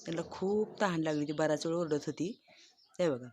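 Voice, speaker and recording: A woman talks casually to her viewers while she shows her goats and chicks outdoors. Her voice sits on the low side. She chats with the viewers and now and then scolds the animals, and there is a faint hiss in the background. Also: fairly quick. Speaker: village vlogger. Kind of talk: casual farm vlog narration.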